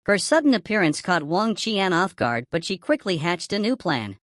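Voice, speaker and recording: A woman narrating a second-person story in a scripted, even storytelling delivery. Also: on the low side, moderate pace, no room sound, clean studio sound.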